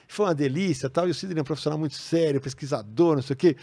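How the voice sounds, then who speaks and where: Man, Brazilian accent, gravelly, animated casual storytelling, podcast studio. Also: a little high, racing. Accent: Brazilian Portuguese. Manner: animated, acts out quoted voices. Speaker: podcast guest, comics writer.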